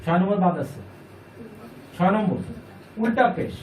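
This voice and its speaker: A man with a high, animated voice and darkish tone teaches a class to read the Quran at a moderate pace, patiently repeating each point and questioning his students. The room is echoey, the mic distant, and there is faint noise.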